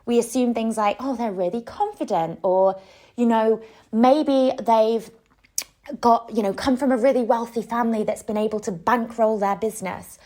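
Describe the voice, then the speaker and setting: Female self-love coach, slightly high-pitched, conversational and encouraging, addressing the listener directly in a reflective style. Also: fairly even intonation, normal speed, dark tone. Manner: conversational, encouraging, rhetorical questions.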